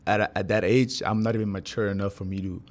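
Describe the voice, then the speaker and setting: Young guy from honduras, real deep voice, talks quick and laid back with slang. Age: 20s. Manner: relaxed slangy talk with many fillers. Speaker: guest. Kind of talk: casual interview chat.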